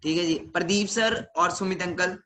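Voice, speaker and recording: Bright young Punjabi-accented man storytelling. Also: high-pitched, normal speed. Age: young adult. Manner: animated, acts out family members' lines. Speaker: young entrepreneur speaking on a webinar. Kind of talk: motivational storytelling talk.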